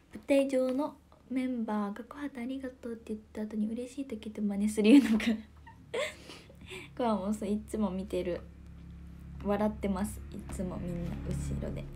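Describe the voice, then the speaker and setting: A young woman with a Kansai accent, hosting a casual livestream. She chats about viewer comments in a giggly, soft-spoken way and often drops to a near whisper. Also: fairly high pitch, measured pace, pauses often, slight background noise. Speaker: idol livestream host.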